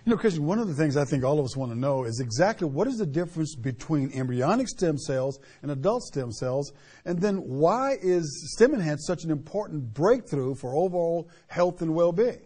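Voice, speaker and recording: A man's voice: fairly high pitch, lively intonation, normal speed, warm tone, husky. A man co-hosting an infomercial with polished, earnest, scripted presenting. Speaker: infomercial co-host.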